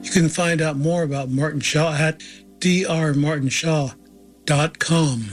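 Male radio host doing an interview, voice a bit high, faint music under him. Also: steady tone, measured pace. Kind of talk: radio introduction and interview conversation.

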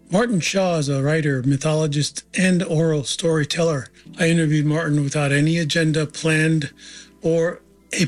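A man hosting a radio interview programme, introducing and talking with his guest. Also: a little high.

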